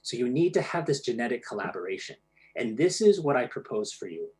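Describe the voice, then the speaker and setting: A man's voice: mid-range voice, sing-song, brisk, darkish tone. A man giving a presentation, explaining ideas plainly with casual fillers and restarts. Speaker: speaker giving a talk. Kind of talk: presentation to an online audience.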